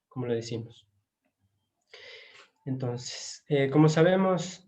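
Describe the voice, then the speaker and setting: A man from Ecuador, a doctoral student giving a measured academic lecture over a video call, with frequent filler pauses. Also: medium pitch, darkish tone. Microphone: computer mic on a video call. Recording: dull lo-fi video call audio.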